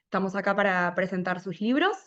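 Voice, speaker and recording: A woman's voice: medium pitch, expressive, brisk, fairly bright tone, highs cut off. A woman who coordinates the event and lectures at the faculty, giving formal, gracious opening remarks in a university room.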